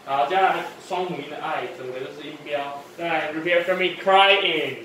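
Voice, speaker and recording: A man's voice: a little high, brisk, pushed and bright. A man teaching English phonics, repeating each sound twice and scolding lapses in attention. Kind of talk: one-on-one phonics drill. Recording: very echoey room, voice far from mic, faint noise.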